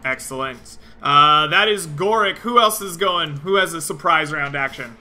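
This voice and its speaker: A man's voice: fairly high pitch, normal speed, bright, forceful tone, faint music behind. A man working as game master, casually narrating the action, giving rulings and encouraging the players. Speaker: game master of a tabletop RPG.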